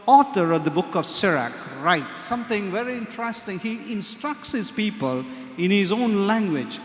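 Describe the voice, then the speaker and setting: A man with a Sri Lankan accent preaching as a priest at Mass, speaking in a measured, solemn way with deliberate pauses, with cathedral-like echo. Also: high-pitched. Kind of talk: Gospel reading and homily at Mass. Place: large reverberant church. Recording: echoey church with long cathedral-like reverb.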